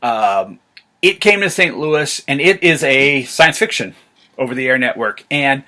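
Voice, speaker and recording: Speaking unhurriedly in a mid-range voice, an American man rambles excitedly to camera like an eager fan. He hosts a vlog reviewing science fiction.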